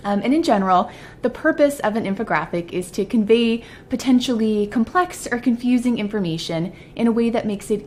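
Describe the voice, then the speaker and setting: Woman lecturer presenting over rumbling noise. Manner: clear explanatory, orderly listing of points. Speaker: university psychology professor, lecturer. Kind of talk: prepared lightning-talk presentation. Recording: noticeable low rumbling background noise.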